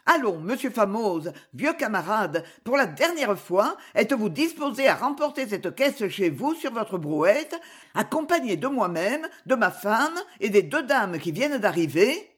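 Jovial, confident husband, as a woman reader plays him, lively and animated. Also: mid-range voice, a little slow, slightly rough. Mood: cheerful. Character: cheerful, shrewd middle-aged husband.

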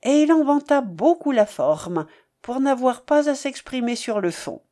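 A woman reading a classic novel aloud as an audiobook narrator, in a measured, expressive way. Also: high voice. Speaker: audiobook reader.

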